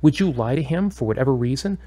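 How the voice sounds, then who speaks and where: This is a man of medium pitch and natural voice, acting as a firm, composed therapist in a scripted audio drama. He questions and instructs at a measured pace, sounding stern and firm.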